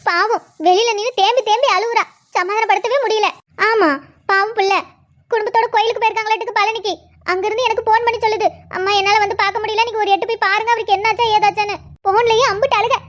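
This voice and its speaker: A woman's voice: extremely high pitch, fairly bright tone, dull audio. A woman voicing a worried, tearful village mother, in a cartoon. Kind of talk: cartoon voice acting.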